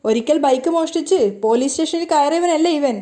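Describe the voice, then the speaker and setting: A woman's voice: sits high, quick pace, mellow, voice pushed up, close to an everyday voice. A woman reading the lines of a scornful middle-aged woman who accuses a boy of theft, in her own plain voice. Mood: accusing. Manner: read out plainly in the reader's own voice.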